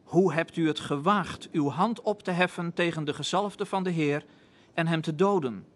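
A man's voice: fairly high pitch, moderate pace, natural voice. A man voicing a stern male king who questions and gives commands.

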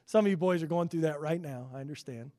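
A pastor, a middle-aged man whose voice is high for a man, preaches a sermon earnestly and at a quick pace. Scripture quotes come out louder, while his asides are quieter.

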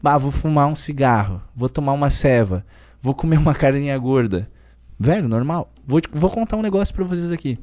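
Speaking fairly quickly in a mid-range voice, a Gaúcho man in his thirties chats on a podcast as a guest. He is a personal trainer, and his talk is lively, forceful and slangy, peppered with "velho."

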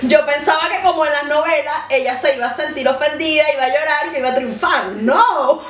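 High-voiced Venezuelan woman, teasing quips. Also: a little fast, a bit bright, far from the mic. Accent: Venezuelan Spanish. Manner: slangy and teasing, often in dry short quips. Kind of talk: casual chat. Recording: echoey room with faint noise.

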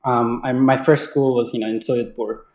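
A Bangladeshi man in his twenties, a native Bengali speaker, tells stories casually as an interview guest, often hesitating and repeating words. His voice is medium-pitched and darkish, with flat delivery at normal speed, and the recording sounds echoey and roomy.

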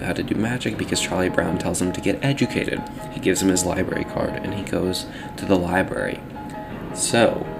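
A young man hosting a casual solo podcast, talking in a halting, rambling, self-correcting way, with a slightly metallic, robotic sound from the microphone. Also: sits low, gravelly. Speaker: podcast host.

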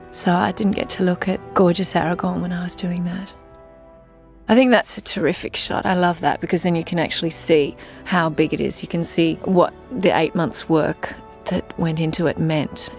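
A woman's voice: on the low side, creaky, a little mellow. A woman actor giving film commentary, recalling the shoot with admiration.

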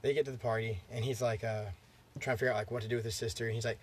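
A man's voice: medium pitch, steady tone, rapid-fire, a little hiss or hum. Congested man swearing through a story. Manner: rambling, profane, lots of fillers. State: congested, clearing throat. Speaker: podcast host. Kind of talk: casual chat, storytelling.

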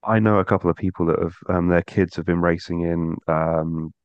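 Guy chatting on a podcast, deep and gravelly, bit lo-fi, keeps restarting. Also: steady tone, normal speed, no room sound. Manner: rambling, restarts often. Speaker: podcast co-host. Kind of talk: casual chat.

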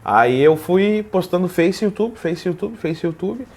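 Animated man telling stories. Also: high-pitched, unhurried. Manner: animated, acts out quoted dialogue. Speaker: guest, comedy video creator. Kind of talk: casual storytelling chat.

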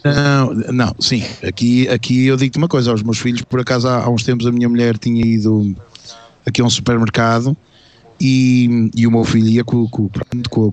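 A middle-aged man with a European Portuguese accent talks as a live-stream co-host. His delivery is quick and mid-pitched. He rambles through casual anecdotes, often repeating a phrase before moving on. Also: no echo. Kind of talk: casual chat, telling anecdotes.

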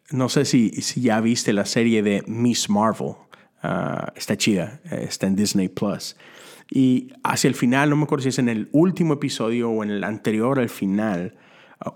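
A man preaches in a relaxed, talky way, tossing out rhetorical questions and little asides to his listeners. His voice sits at an everyday middle pitch for a man, and he speaks as a Methodist preacher giving a sermon. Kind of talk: conversational sermon.

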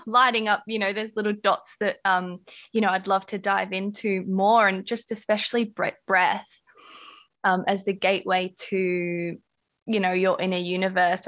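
A woman's voice: medium pitch, fairly bright tone. A woman with an Australian accent hosting a podcast interview, effusive and full of ums. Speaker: podcast host.

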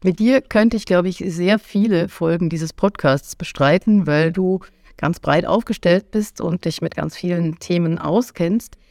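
Female podcast host, calm and curious, gravelly timbre, dry close mic. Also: lowish voice, unhurried, no room sound. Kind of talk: interview questions.

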